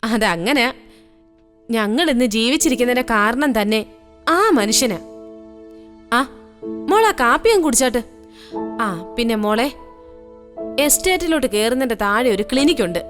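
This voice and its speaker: Bossy middle-aged housewife played by an actress, lively high voice, soft music behind. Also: female voice, normal speed, pauses often, close to an everyday voice. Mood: tender. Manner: scolding, grumbling, then tender. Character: bossy, caring middle-aged woman, scolding her husband. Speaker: Annamma, a housewife caring for a sick young mother. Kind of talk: TV serial drama acting.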